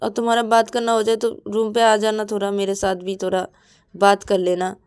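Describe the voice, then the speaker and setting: A woman's voice: mid-range voice, monotone, moderate pace, smooth, natural voice. A woman voicing a young woman, sulky and jealous, complaining in a whiny, pouty way. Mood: hurt.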